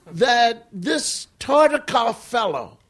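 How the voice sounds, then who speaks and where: An older man talking in a slow, rambling, storytelling way, often chuckling between thoughts as an interview guest. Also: extremely high pitch, big pitch swings, a bit bright, slightly rough. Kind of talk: casual storytelling conversation.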